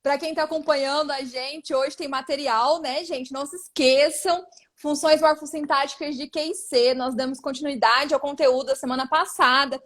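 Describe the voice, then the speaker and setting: A woman's voice: high voice, steady tone, moderate pace, a bit bright. A woman from southern Brazil with a southern Brazilian accent, a Portuguese teacher chatting through a live exam-prep lesson and explaining step by step.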